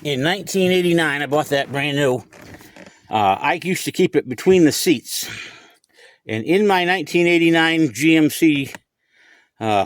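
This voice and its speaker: A middle-aged or older American hobbyist shows off his CB radio in a casual, rambling vlog demonstration from inside his pickup truck, often repeating himself. His voice is mid-range, with studio-quality sound and no room noise.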